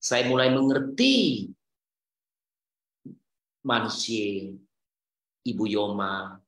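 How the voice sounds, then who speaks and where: A male pastor delivering a sermon with theatrical swings from near-whispers to sudden high, loud exclamations. He keeps prodding the congregation with repeated questions and drops short English exclamations into his preaching. His voice carries the reverb of a large, echoey church hall. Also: lively intonation, very slow. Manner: dramatic swings between hushed and loud, rising exclamations. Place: church service. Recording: roomy church hall echo.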